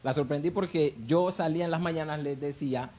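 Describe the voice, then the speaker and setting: A man's voice: fairly high pitch, a little fast, a little mellow. A married man, telling his personal faith testimony in a fervent, emotional way. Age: adult, married with children. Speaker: guest giving testimony.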